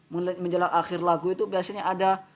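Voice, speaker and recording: A man's voice: high-pitched, flat delivery, quick pace. Guy teaching a singing class, chatty, keeps saying nah and ya. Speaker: music teacher. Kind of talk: online class lesson.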